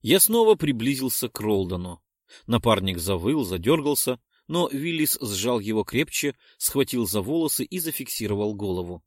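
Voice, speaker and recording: A male narrator reads a tense first-person story in a steady, mid-pitched voice. The recording is dry and close, with no room sound. His delivery builds to urgent shouts in the dialogue. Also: normal speed, dry recording. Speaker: audiobook narrator.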